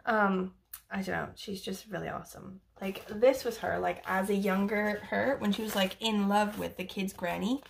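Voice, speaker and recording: A young woman from Wales, a book vlogger, chats casually in a book review, rambling with plenty of fillers and the occasional swear word. Her medium-pitched voice is steady with vocal fry, at a moderate pace. There's a slight hiss or hum in the recording.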